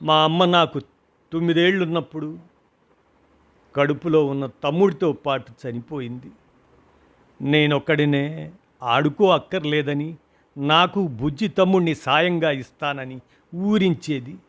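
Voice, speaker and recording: A man's voice: on the high side, unhurried, long pauses, a bit bright. A man reading a grieving husband's story of loss, emotional and rising to cries at the peaks, in a storybook reading. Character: grieving husband recalling his mother's death.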